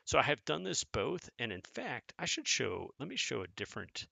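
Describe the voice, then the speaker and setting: A man talks his way through a strategy game attack in loose live commentary, thinking aloud and answering his viewers as he plays. His voice is low, gravelly and forceful. The sound is close and dry, with no room echo. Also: big pitch swings, normal speed. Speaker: gaming content creator.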